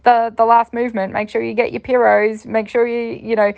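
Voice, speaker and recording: A woman voicing a chirpy, fussy inner commentator who coaches in a high sing-song. The tone rides noticeably above her usual low pitch with a gravelly edge. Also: level tone, a little fast, muffled recording.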